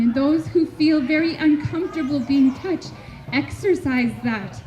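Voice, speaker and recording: A woman from Canada, high-voiced with a warm tone, gives a heartfelt address at a community memorial gathering. She talks slowly and earnestly, pausing in measured fashion between phrases, and the dull lo-fi recording carries faint background noise.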